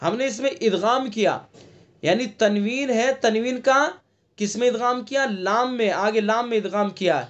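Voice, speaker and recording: A man teaching an online Quran recitation class, patiently explaining how each letter is sounded and chanting verses slowly with long drawn vowels. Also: high voice, fairly bright tone, lo-fi sound. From India. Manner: patient step-by-step explaining, checks "ٹھیک ہے؟".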